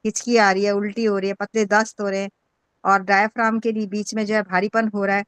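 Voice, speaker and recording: A woman's voice: mid-range voice, level tone, a little fast, a bit bright, smooth, no room sound. A woman teaching an acupressure class online, explaining points with many fillers and reading lines aloud in English.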